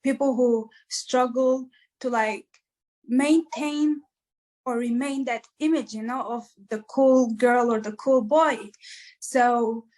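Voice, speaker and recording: Speaking slowly in a high but darkish voice, a female musician from East Africa responds to an interviewer with earnest, motivational answers full of "like" fillers. The audio quality is low.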